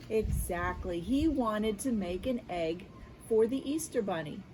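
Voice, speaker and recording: An American school media specialist reads aloud and teaches young children, storytelling and leading a lesson in an expressive, encouraging way, asking questions and pausing for answers. Her pitch is fairly high, and the poor audio has a little hiss or hum.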